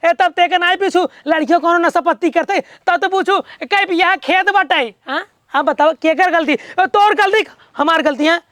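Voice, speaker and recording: Woman as stubborn, very shrill old father-in-law. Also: normal speed, fairly bright tone, no room sound, studio quality. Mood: defensive. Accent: Awadhi. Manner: argumentative, defiant. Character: stubborn old father-in-law defending his drinking son. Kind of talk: rustic comedy skit acting.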